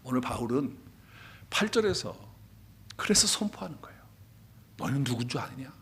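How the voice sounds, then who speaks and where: A man preaching a Sunday sermon as pastor, asking the congregation questions and moving between loud declarations and soft, near-whispered asides. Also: mid-range voice, big pitch swings, normal speed, breathy edge. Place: church sanctuary.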